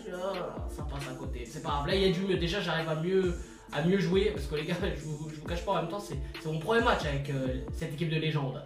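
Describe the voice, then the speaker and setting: A man commentating his own football video game match in casual slang, excitable and bursting into shouts at big moments. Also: on the high side, fairly quick. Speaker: gaming YouTuber. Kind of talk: live gameplay commentary. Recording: roomy, distant mic, music behind.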